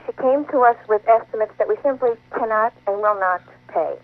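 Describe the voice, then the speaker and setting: Calling in to a radio advice show, a woman explains a personal problem conversationally over a narrow, tinny phone line. She speaks a little fast at medium pitch, and the recording is dry.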